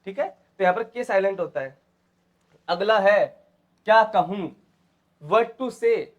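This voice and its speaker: A man's voice: high voice, slow pace, muffled recording. An Indian man teaching English phrases, repeating each one and quizzing his students. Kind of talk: spoken English lesson in Hindi.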